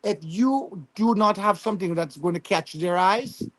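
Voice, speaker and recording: A man's voice: high-pitched, moderate pace, a bit bright, no echo. A man with a Jamaican accent and Patois turns of phrase, telling stories casually as an interview guest, emphatic and often repeating himself.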